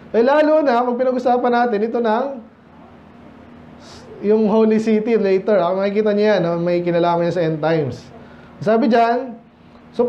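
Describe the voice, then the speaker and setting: A man's voice: high voice, mellow, echoey room, dull audio, slight background noise. A Filipino man preaching at a midweek Bible study, talking conversationally and often asking the congregation questions. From Philippines. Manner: conversational, asks the congregation questions, mixes English and Tagalog. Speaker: pastor. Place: church hall.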